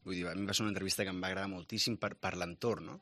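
A man's voice: deep voice, fairly even intonation, racing, fairly bright tone, no echo. A man with a Catalan accent, chatting and asking questions as an interviewer. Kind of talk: conversational radio interview.

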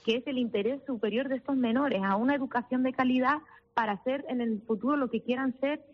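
Her voice sits high and moves a little fast as this lawyer for minors and immigrants, from the Canary Islands, speaks earnestly by phone as a radio guest, full of fillers and restarts. Her accent blends Canarian with Castilla-La Mancha. The recording is muffled with slight background noise.

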